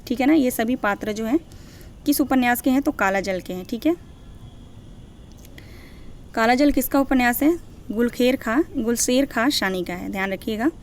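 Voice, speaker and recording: A woman's voice: fairly high pitch, a little hiss or hum. A young woman teaching literature for exam preparation. She reads out long lists of character names, checks in with her students, and corrects herself as she goes. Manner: corrects herself mid-list. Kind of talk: exam-prep lecture.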